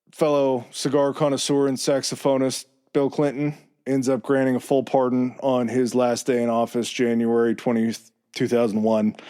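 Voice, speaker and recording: A man hosting a podcast, telling a story in a relaxed, chatty way with fillers and asides. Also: medium pitch, clear, resonant tone. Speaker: podcast host. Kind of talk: casual chat.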